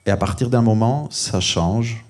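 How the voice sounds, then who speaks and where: A Greek man with a Greek accent, the guest author on a library panel, speaks in a fairly low, slightly slow and mellow voice. He is hesitant, using many fillers and restarting often, in a library event room.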